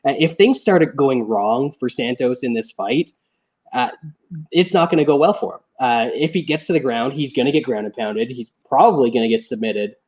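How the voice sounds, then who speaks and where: A man's voice: mid-range voice, lively intonation, moderate pace, darkish tone, lo-fi sound. A man co-hosting a podcast, giving blunt, confident betting picks with lots of "uh"s. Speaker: podcast co-host. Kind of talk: casual fight-analysis chat.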